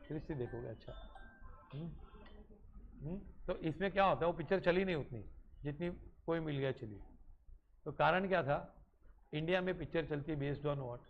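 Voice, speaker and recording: A man's voice: fairly high pitch, normal speed, vocal fry, long pauses, narrow, tinny audio, slight background noise. Man quizzing his commerce class. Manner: asks students questions and answers them himself; mixes English terms into his Hindi. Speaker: commerce teacher. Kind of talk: classroom lecture.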